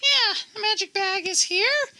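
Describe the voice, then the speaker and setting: Squeaky little monkey puppet kids show host, party magician vibe, super high and sharp, excitable. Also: unhurried, heavily acted. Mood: excited, playful. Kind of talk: children's puppet show hosting.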